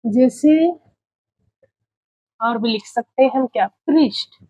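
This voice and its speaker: A woman speaks slowly in a highish, dark voice while teaching spelling for an exam, saying each sample word repeatedly as she writes it out. She checks on her students, calling them "बच्चे", and the recording is dry, dull, and lo-fi.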